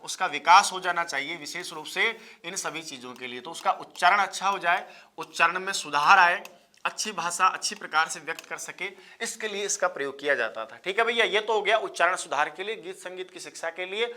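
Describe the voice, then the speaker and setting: A man's voice: sits high, fairly quick, pushed and bright. A man teaching an exam-prep lecture, repeating key points and calling his listeners brother and sir. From India. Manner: repetitive, drilling key points, addresses listeners as bhaiya and sahab.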